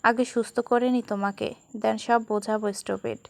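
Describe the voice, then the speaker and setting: A woman voicing a stern, teasing young man who scolds and then speaks gently to his beloved in a storybook reading, her voice fairly high. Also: fairly even intonation, normal speed, gravelly, no echo. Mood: stern tender. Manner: scolding then tender, mixes English words.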